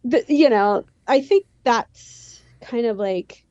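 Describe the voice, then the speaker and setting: Speaking slowly with lively intonation, this woman has a slightly high voice and a dark tone, captured dry and muffled. She's a musician guesting on a podcast, chatting in a loose, rambling way, and her Valley Girl accent, slight lisp and teen-sounding voice mark her as a San Fernando Valley native.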